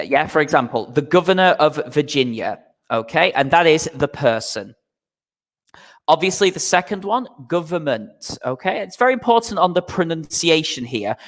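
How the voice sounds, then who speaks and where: In a slightly high male voice with a big-room sound, a teacher leads a live online English vocabulary class. His explanations are slow and patient, he repeats things often, and "okay?" follows almost every point.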